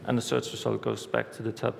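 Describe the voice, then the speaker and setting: A man giving a conference talk, walking through a live demo step by step in a halting way, recorded in a large hall. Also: mid-range voice, flat delivery, vocal fry. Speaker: conference speaker. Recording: reverberant hall, faint background noise.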